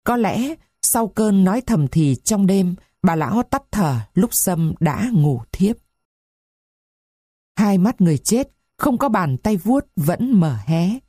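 Somber low-voiced woman reading a story. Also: very animated, measured pace, warm tone, dry recording, clean studio sound. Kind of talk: audiobook story narration.

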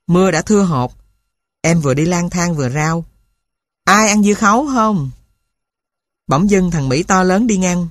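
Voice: mid-range voice, dry recording. Audiobook narrator, somber and emotional, dry close-miked sound. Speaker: storyteller.

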